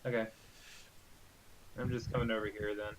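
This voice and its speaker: A man's voice: on the low side, level tone, moderate pace, low-quality recording. A man playing a rogue in a tabletop game, eagerly asking about his options. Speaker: player. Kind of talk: casual tabletop play. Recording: faint hiss.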